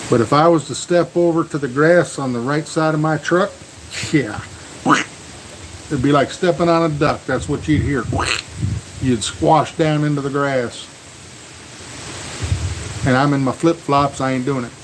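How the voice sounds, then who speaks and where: A man's voice: a little high, unhurried, pauses often, slight background noise, poor audio. An American man chatting casually on a live stream, rambling in a folksy way and repeating words. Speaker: livestream host. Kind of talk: casual live storm vlog chat. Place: outdoors near a truck in rain.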